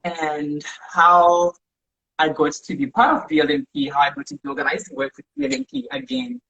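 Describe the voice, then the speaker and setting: A woman from Zimbabwe, a community organizer, earnestly tells her story as a guest on a live video chat, often adding "right?". Her voice is fairly low and a bit bright with vocal fry at a moderate pace, and the livestream audio from a phone or laptop mic sounds dull and lo-fi.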